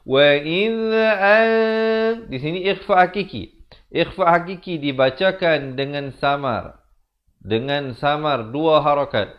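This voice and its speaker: A man with a Malaysian Malay accent teaches the rules of Quran recitation, alternating slow, drawn-out demonstrations with quick explanations that trail off softly. His voice is a little high, and the recording sounds muffled.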